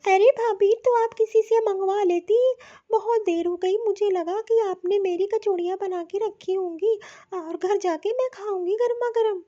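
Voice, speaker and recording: Cartoon: woman doing a whiny spoiled daughter, very high, dark tone, lo-fi. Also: fairly even intonation, normal speed, hardly any pauses. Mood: demanding. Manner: whiny, demanding. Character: spoiled young married daughter, demanding, whiny.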